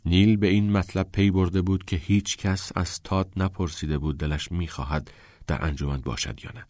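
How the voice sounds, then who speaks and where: This is scripted narration from a man who reads audiobooks, his low voice moving in an even, deliberate rhythm. Captured up close, the audio is dry and free of any room ambience.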